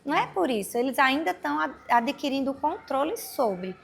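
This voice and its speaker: A woman educator talks parents through everyday advice, patient and explanatory. Her voice sits high and has a strongly gravelly, fried edge. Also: lively intonation, fairly quick, slight background noise. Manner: warm, explanatory, acts out little scenes. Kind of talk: informal advice talk.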